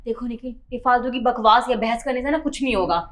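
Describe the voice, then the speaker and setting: A woman's voice: on the high side, fast talker, lightly acted. An actor playing a wife caught hiding her lover, defensive and dismissive, in melodramatic short-film style. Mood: defiant.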